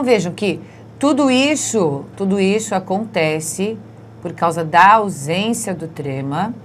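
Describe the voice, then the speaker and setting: Lowish-voiced Brazilian woman teaching grammar. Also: a little hiss or hum. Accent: Brazilian Portuguese. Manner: explains step by step, checking in with "certo?" and "não é?". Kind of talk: exam-prep grammar lesson.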